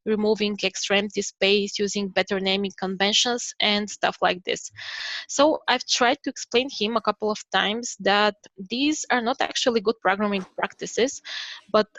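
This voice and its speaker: A woman from Bulgaria giving a prepared talk over a video call, with a steady, slightly careful delivery. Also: mid-range voice, no room sound. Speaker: conference speaker. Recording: dull, muffled online call audio.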